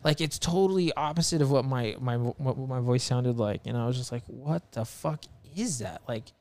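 A man's voice: mid-range voice, fairly even intonation, brisk, darkish tone, no room sound. A man telling a story as a podcast guest, rambling and full of filler words, swearing a lot, earnest and emphatic. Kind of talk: casual chat.

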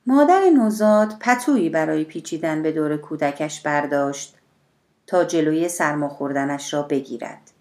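A woman narrating an audiobook in a steady, measured storytelling voice. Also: on the low side.

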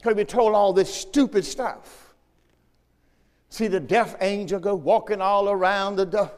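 A pastor preaching a lively sermon, shouting one moment and dropping low the next, talking straight to his congregation. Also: unhurried, big-room sound.

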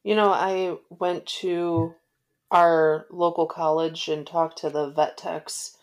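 Female podcast co-host, low pitch, chatty storyteller. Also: flat delivery, slow, darkish tone. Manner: chatty, retells conversations with quoted lines. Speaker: podcast co-host, animal control officer. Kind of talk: casual podcast chat, storytelling.

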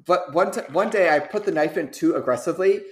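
A woman's voice: on the low side, fast talker, slight background noise. A young woman co-hosting a casual podcast chat, giggly and swearing as she tells stories. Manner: giggly, swearing, lively storytelling. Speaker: podcast co-host.

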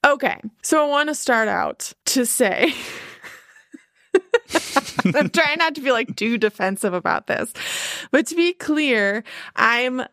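A woman's voice: high voice, animated, slow, pauses often, a bit bright, no room sound, studio quality. A woman with a Midwestern accent hosting a casual podcast chat, talking with lots of "like" fillers and frequent laughs. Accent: Midwestern American. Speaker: podcast host.

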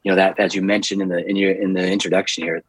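A man with a husky, slightly rough voice tells stories as an interview guest. He rambles and restarts often, and he grows animated as he goes. The recording is close and dry, with no room sound. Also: deep voice, rapid-fire, dry recording. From United States. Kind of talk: storytelling in a podcast interview.

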